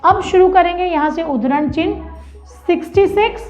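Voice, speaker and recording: A woman teaching a grammar lesson to children, explaining slowly and patiently, repeating key words and asking the class questions. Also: very high-pitched, a little mellow.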